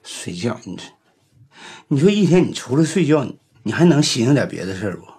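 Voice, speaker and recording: A man's voice: mid-range voice, sing-song, fairly quick, darkish tone. An actor playing a middle-aged, worried village deputy boss, grumbling at his wife. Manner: grumbling, complaining.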